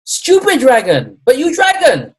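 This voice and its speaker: A man's voice: very high voice, huge pitch swings, measured pace, breathy edge, voice pushed up, full character voice. A man voicing a blunt male Chinese acupuncturist with an imitated Chinese accent and curt, broken English. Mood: mocking.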